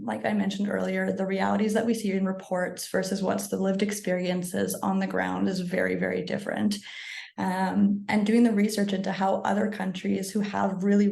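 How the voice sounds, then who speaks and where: A woman's voice: medium pitch, vocal fry, darkish tone, echoey room. A woman panelist presenting recommendations in an earnest way with frequent ums, while losing her voice.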